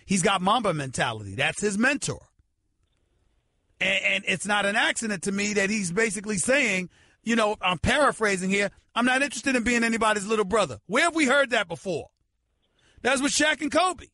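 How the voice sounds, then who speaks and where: A middle-aged man on sports radio, talking with an emphatic, preacherly build that circles back to hammer each point home. His voice sits a bit high for a man. The sound is close and dry, with no room around it. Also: lively intonation, normal speed, sharp tone, no echo. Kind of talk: sports talk radio commentary and host-read ad.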